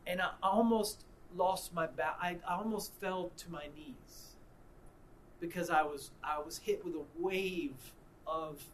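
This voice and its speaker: A man's voice: sits high, a little slow, slight background noise. A man preaching a sermon, telling a personal story in a conversational way and often repeating and restarting his words. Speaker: pastor.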